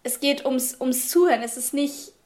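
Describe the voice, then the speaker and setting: Woman pastor, high voice, reflective and hesitant in casual talk. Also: moderate pace, a little mellow. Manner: thoughtful, hesitant, many fillers. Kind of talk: casual faith podcast chat.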